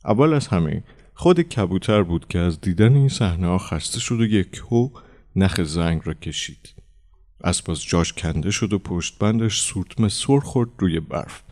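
Man, very deep voice, expressive storyteller, audiobook narration. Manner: expressive, shouting the quoted lines.

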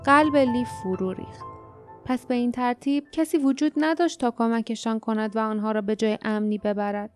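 Expressive woman reading an audiobook. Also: a little high, faint music behind. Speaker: audiobook narrator. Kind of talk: storybook narration.

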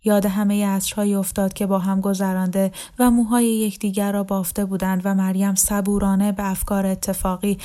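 A woman reads a novel aloud in scripted audiobook narration. Her voice is mellow and warm, with an even, unhurried flow. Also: medium pitch. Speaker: audiobook reader.

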